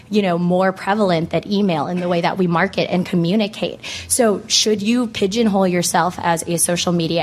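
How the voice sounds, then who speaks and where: Hoarse, low-voiced American woman moderating. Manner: casual, conversational, frequent "like" and "you know". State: hoarse from laryngitis. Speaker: panel moderator. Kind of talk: informal panel introduction to an audience.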